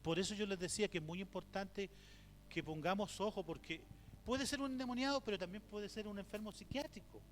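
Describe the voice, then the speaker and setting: A man's voice: sits high, brisk. A middle-aged man with a Chilean accent, a pastor teaching at a church conference, telling stories and asking rhetorical questions. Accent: Chilean Spanish. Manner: storytelling with rhetorical questions, acts out quoted voices. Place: church hall. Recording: reverberant hall with faint hum.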